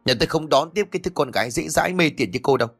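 A man's voice: medium pitch, animated, a little fast, a bit bright, soft background music. A man voicing an arrogant rich young man who scoffs dismissively. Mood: scoffing.

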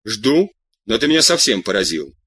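A man voicing a gruff, blunt middle-aged farmer with curt, impatient questions. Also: on the low side, sing-song, moderate pace, a bit bright, pitched below the performer's own voice, exaggerated voice.

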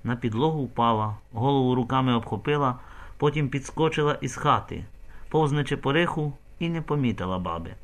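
A male audiobook narrator tells a village drama with emotional expression. His pitch sits in a middle register but moves about a lot. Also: animated, a little fast.

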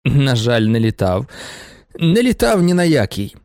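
A man reading an audiobook and voicing an idle young gentleman who mocks and sighs. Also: mid-range voice, big pitch swings, a little slow, dry recording, studio quality. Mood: mocking. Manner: mocking, sighing.

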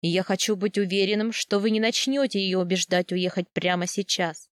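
A woman voicing a stern, calm young husband who speaks curtly and flatly in a storybook reading. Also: mid-range voice, moderate pace, no room sound, studio quality, natural voice. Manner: flat, curt and unmoved.

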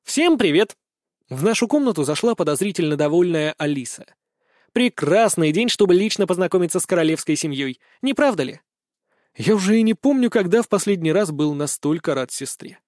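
Casting: male audiobook narrator, high voice, lively, dry booth sound. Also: a little fast, no echo. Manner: lively, expressive reading. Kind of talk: scripted first-person narration.

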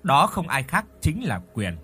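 A man's voice: fairly high pitch, wildly swooping pitch, measured pace, pushed and bright, breathy edge. A man narrating a horror audiobook expressively, voicing the characters as he reads. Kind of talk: dramatic horror story narration.

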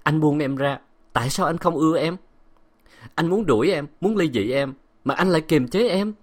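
A man voicing a desperate young wife who begs and pleads in a raised, high voice. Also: moderate pace, natural voice. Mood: pleading.

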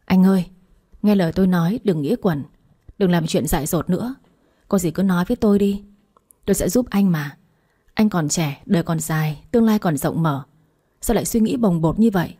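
A woman's voice: fairly low pitch, brisk, dark tone, husky. Woman reading as an earnest young woman, pleading. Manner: pleading, urgent.

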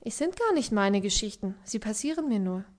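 A woman's voice: mid-range voice, very animated, brisk, darkish tone, close to an everyday voice. A woman reading the part of an ironic, melancholy young baron in an audiobook, with a dry, subdued way of talking.

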